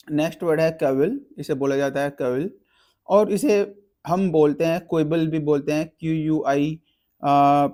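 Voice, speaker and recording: A man teaching a vocabulary lesson, explaining slowly with spelled-out words and memory tricks. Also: on the high side, darkish tone.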